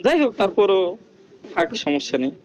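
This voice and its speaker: A man with a rural Bangladeshi Bengali accent talks to his viewers in a hushed, lowered voice. He keeps up casual vlog commentary at a village home, and his pitch sits a bit high for a man. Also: big pitch swings, brisk, highs cut off, crowd noise. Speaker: vlogger host. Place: village house outdoors.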